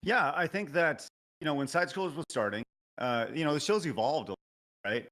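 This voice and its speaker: A man's voice: a little high, a little fast, a bit bright. A man hosting a show, talking in a rambling, hesitant way over a remote call whose audio keeps breaking up and cutting out. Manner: rambling, hesitant, lots of filler and restarts. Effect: choppy, breaking-up call audio that cuts in and out. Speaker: show host interviewing a guest. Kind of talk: casual interview over a call. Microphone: remote call mic.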